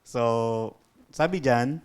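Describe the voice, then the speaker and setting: A man's voice: medium pitch, extremely slow, clear, resonant tone. A man giving a casual sermon talk as pastor, mixing English in and drawing out key phrases. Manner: mixes English into Tagalog, stretches out key phrases.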